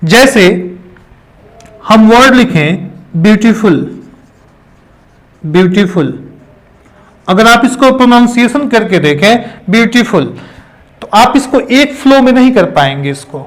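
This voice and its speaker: A man's voice: very high voice, expressive, moderate pace. A man teaching English grammar in a classroom-style lesson, mixing Hindi and English, spelling words out letter by letter and often checking in with "okay". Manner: repeats phrases and says "okay" often.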